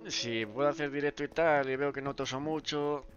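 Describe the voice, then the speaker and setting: A congested man with a sore throat chats casually while live-streaming a game, his tone steady and his speed normal. He rambles, restarts often, and mumbles low asides. The audio has music behind it and the highs cut off.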